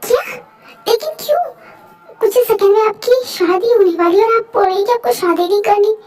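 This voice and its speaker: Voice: very high voice, quick pace, darkish tone, faint music behind, voice pushed up. A dubber voicing a spirited young woman wedding planner in a fan dub, mixing English phrases into Hindi. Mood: shocked.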